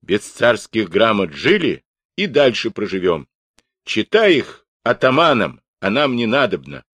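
A man voicing an angry crowd of Cossacks shouting defiantly in a storybook reading. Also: fairly low pitch, sing-song, measured pace, breathy edge, no room sound, clean studio sound, pitched above the performer's own voice, exaggerated voice. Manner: shouting, rowdy.

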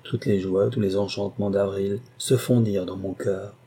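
A man narrates a literary story in a measured, expressive way. His voice is mellow and dark, with a husky edge. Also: lowish voice. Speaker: audiobook narrator.

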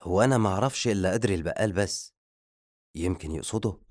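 A man with an Egyptian accent voicing a dim-witted male assistant who cracks quick jokes. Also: low voice, darkish tone, dry recording, studio quality, lightly acted. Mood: wisecracking. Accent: Egyptian Arabic.

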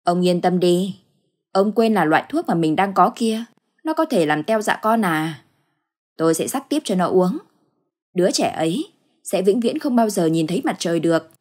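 A woman's voice: on the low side, animated, normal speed, darkish tone. A woman voicing a scheming, cruel older mother-in-law who puts on a sweet tone. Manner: sly, feigned sweetness.

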